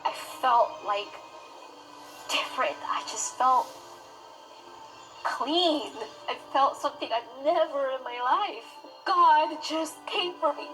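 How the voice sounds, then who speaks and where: A woman giving an earnest, halting, emotional personal testimony in an interview. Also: high-pitched, sharp tone, soft background music, rough recording. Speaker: testimony guest.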